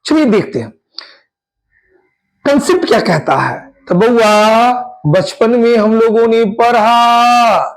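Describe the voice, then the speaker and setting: A man's voice: extremely high pitch, animated, takes it slowly, low-quality recording. A man teaching an exam-prep English grammar lesson, drawing out his explanations and asking his students repeated questions.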